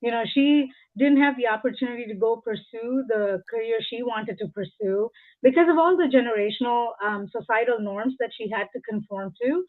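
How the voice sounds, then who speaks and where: A woman's voice: fairly high pitch, moderate pace. A woman in her forties, from India, speaking as an interview guest in an earnest, reflective way, drawing on personal examples. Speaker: guest, engineering leader. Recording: tinny phone-like call audio.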